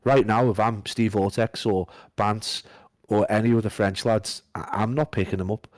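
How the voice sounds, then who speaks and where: A man guesting on a casual podcast, talking in a flat monotone while feeling unwell. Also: fairly low pitch, moderate pace, no room sound. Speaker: guest esports caster.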